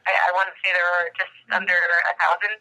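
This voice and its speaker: A woman's voice: on the low side, level tone, fast talker, creaky, pushed and bright, rough recording. A woman calling in to a talk show as a guest, telling stories in a chatty, storytelling way with lots of "you know"s. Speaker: guest caller, former pro dancer. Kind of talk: casual phone-in interview.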